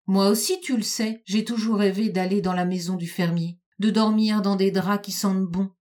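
A woman's voice: medium pitch, fairly even intonation, normal speed, darkish tone, close to an everyday voice. A woman reading a storybook and voicing a flirtatious female sow who coaxes her husband. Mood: coaxing. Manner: wheedling, flirtatious. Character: coaxing female sow, wife of the pig.

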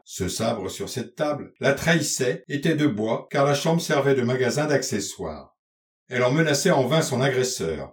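A man narrating a literary novel aloud in a measured, expressive reading style. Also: mid-range voice. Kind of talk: audiobook reading of literary prose. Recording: roomy echo.

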